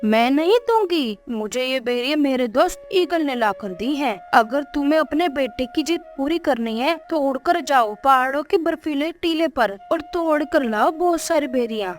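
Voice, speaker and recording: A woman's voice: high-pitched, lively intonation, normal speed, hardly any pauses, faint music behind. A woman voicing a selfish young female bird who talks haughtily, in a cartoon. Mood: haughty. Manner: haughty, refusing.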